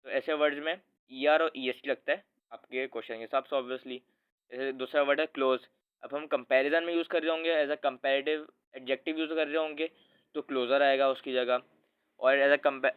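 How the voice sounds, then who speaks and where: A man's voice: mid-range voice, clear, resonant tone. A man teaching English grammar in a casual, informal way, often correcting himself as he talks to his students. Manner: informal, addresses viewer as friend, self-corrects often. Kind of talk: casual explanatory lesson. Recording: tinny phone-like audio.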